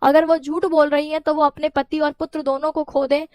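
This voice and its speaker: High-voiced woman teaching a poem. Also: level tone, no echo. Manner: reads verses slowly, then paraphrases in plain words with "है ना". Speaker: Hindi teacher. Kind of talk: explaining a poem line by line.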